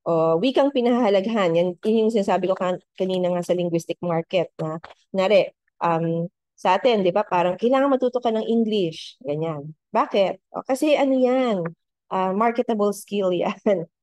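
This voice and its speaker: A woman's voice: mid-range voice, normal speed, darkish tone, no room sound. Filipino woman lecturer, many tag questions. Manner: code-switching, frequent "no?" tag questions. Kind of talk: university lecture.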